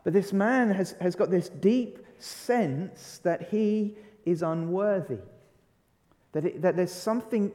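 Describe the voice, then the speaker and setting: A man's voice: fairly high pitch, mellow. A middle-aged man preaching a sermon in a conversational way, often putting questions to the congregation. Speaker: pastor. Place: church. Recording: long church reverb.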